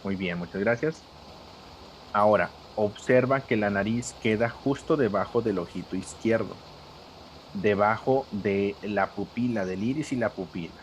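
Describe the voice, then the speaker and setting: A man's voice: fairly low pitch, moderate pace, a little hiss or hum, low-quality recording. A man teaching a live drawing class, patient and step by step, calling on students by name.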